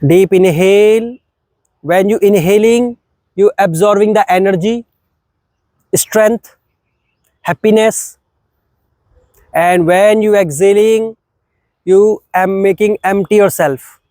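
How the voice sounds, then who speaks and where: Slow, calm man guiding breathing. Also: high-pitched, no echo, studio quality. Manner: slow, calm, short phrases with long pauses. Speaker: yoga teacher. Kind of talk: guided breathing meditation.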